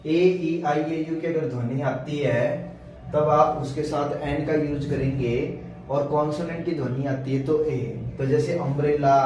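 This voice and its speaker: A man's voice: fairly high pitch, dark tone. A man teaching an English grammar lesson, explaining step by step and repeating the key words. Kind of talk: classroom-style grammar lesson. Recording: echoey room, distant mic, faint noise.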